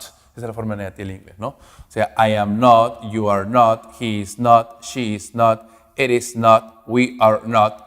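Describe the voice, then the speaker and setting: Man teaching grammar in an echoey room. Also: mid-range voice. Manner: explains slowly, checks in often with "¿ok?" and "¿no?"; sounds out English examples slowly and carefully. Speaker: English teacher. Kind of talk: recorded online grammar lesson. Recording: long reverberant echo.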